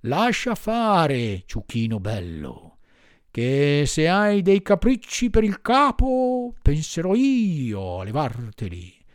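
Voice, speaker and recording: Man voicing angry stable master, mocking, slow, dry sound. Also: a little high, huge pitch swings, no room sound, heavily acted. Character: gruff stable master, quick-tempered, scolding.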